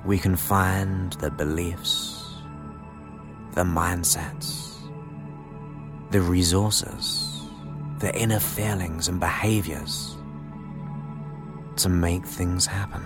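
A man leading a guided relaxation in a soothing, unhurried manner, leaving long pauses between short phrases. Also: low voice, fairly even intonation. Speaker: guided meditation host. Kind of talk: guided relaxation hypnosis narration. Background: new-age music.

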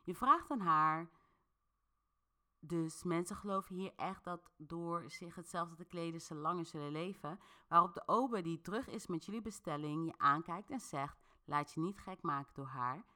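A woman hosting a podcast, narrating an interactive story in a relaxed, chatty way while talking straight to her listeners. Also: lowish voice, normal speed.

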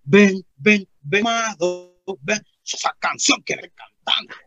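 A man putting on Simplicio, a gravelly rambling rustic. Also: on the high side, animated, unhurried, no room sound, muffled recording, faint music behind, exaggerated voice. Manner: rambling, repeats "mire", acts out voices. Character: naive rustic churchgoing man, rambling storyteller. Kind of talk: comic character monologue.

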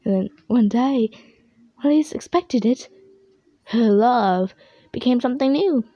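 A woman's voice: on the high side, measured pace, no room sound. A woman voicing an earnest, sentimental character in a children's storybook. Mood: tender, earnest. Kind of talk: children's storybook read-aloud. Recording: dull lo-fi recording.

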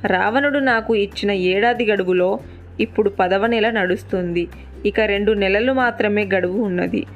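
A woman's voice: medium pitch, normal speed, narrow, tinny audio, faint music behind, natural voice. A woman narrator voicing a grieving captive queen, devoted and resolute, in a sorrowful yet firm way.

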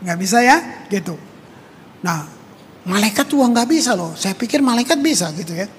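Animated pastor preaching in an echoing hall. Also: male voice, normal speed. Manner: animated, repeats words for emphasis. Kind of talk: conversational sermon. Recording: reverberant hall with faint rumble.

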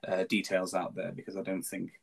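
Hosting a relaxed podcast interview, a man whose first language is Farsi speaks briskly in a low, monotone, gravelly voice with a breathy edge. His delivery is hesitant, broken up by ums and restarts.

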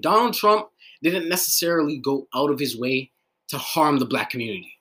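A man's voice: on the high side, very animated, fairly quick, pushed and bright. A young man co-hosting a casual livestream chat, blunt and profane, often stumbling and repeating words.

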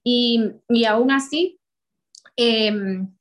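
A woman's voice: fairly high pitch, very slow. A young woman with a Honduran accent gives a heartfelt personal faith testimony, speaking directly to her listeners.

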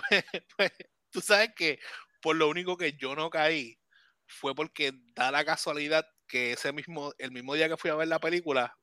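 A man chatting casually about a movie on a podcast, animated and mixing in English words. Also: fairly high pitch, moderate pace, clean tone, dry recording. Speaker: podcast co-host.

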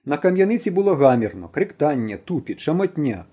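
A man reading an audiobook aloud with expressive storytelling. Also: fairly high pitch, a little fast, slightly rough. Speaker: audiobook reader. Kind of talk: audiobook narration.

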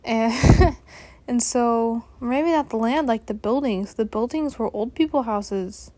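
A young woman with a fairly high voice talks at a slow pace. She hosts a casual podcast alone, drifting between thoughts, interrupting herself and apologizing as she goes. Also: mellow, no echo. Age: young adult. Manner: scatterbrained, self-interrupting, apologetic. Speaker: podcast host. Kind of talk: casual rambling solo podcast. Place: bedroom at home.

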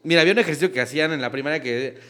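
A man's voice: a little high, very fast, a bit bright. A man with a Mexican accent co-hosting a podcast, teasing and laughing through casual quiz banter. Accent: Mexican Spanish. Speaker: podcast co-host.

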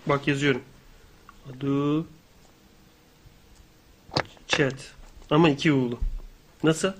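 A man's voice: medium pitch, steady tone, takes it slowly, background noise. A man co-hosting a casual radio show, joking and swearing freely as he banters.

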